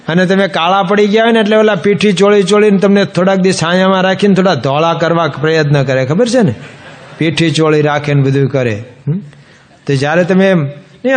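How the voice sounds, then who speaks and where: A man with a Gujarati accent, a swami giving a humorous sermon, telling anecdotes and quoting others in an animated way. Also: on the high side.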